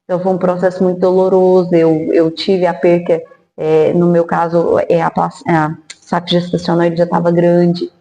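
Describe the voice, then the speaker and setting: Dark-voiced woman, echoey hall. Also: on the low side, monotone, normal speed, lo-fi sound. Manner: earnest, acts out remembered dialogue. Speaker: guest sharing a testimony. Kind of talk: emotional personal storytelling.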